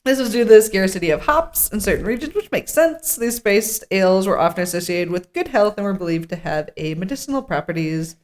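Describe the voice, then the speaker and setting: Speaking fairly quickly with hardly any pauses, this podcast co-host has a mid-range, darkish voice and lively intonation. She reads through a script at a table read, tossing in casual jokes along the way.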